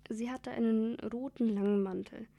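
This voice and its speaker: A chatty woman selling Christmas books, voiced by a woman. Mellow and flat in pitch. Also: moderate pace.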